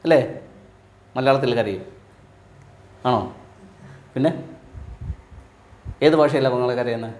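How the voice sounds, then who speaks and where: A man from Kerala teaching like a preacher, firing quick rhetorical questions at his listeners and dropping low and quiet at the ends of his points. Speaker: spiritual teacher. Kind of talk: sermon-style teaching to a live audience. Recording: roomy echo from a hall.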